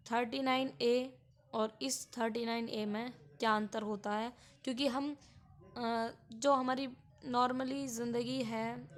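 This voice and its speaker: A woman teaching an exam-prep lecture in a slow, explanatory way, repeating points for students. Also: fairly high pitch.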